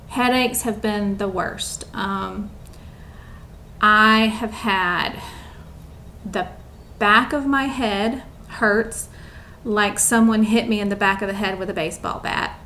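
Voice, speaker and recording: A woman's voice: mid-range voice, takes it slowly, sharp tone, a little hiss or hum. A young woman chatting casually to camera at home, rambling with lots of ums and a bit out of breath. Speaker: vlogger.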